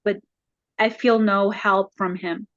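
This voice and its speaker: A woman as a counseling client, retelling a home conflict haltingly with many fillers, her voice rising when upset. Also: medium pitch, fairly even intonation, a bit bright, no room sound, dull audio. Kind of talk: emotional retelling in a counseling session.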